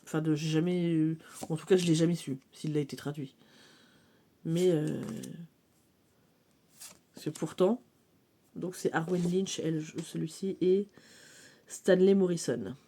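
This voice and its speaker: A woman chatting casually about her oracle cards, full of fillers and quick to laugh. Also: low voice, warm tone. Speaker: cartomancy vlogger. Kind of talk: casual show-and-tell of oracle decks.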